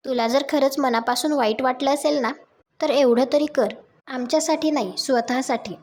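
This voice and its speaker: A woman reading out the lines of a firm but forgiving mother figure who gives one last warning, in her high voice. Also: moderate pace, darkish tone. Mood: stern.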